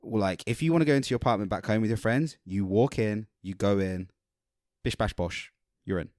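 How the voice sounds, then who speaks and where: A man's voice: on the low side, brisk, darkish tone, no room sound, studio quality. A man co-hosting a podcast, chatting casually and rambling a bit, swearing freely, in a hot indoor room. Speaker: podcast co-host. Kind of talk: casual chat.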